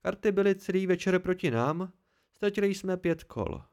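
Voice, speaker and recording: A man's voice: high-pitched, expressive, darkish tone. A man narrating an amateur audiobook in a plain reading voice.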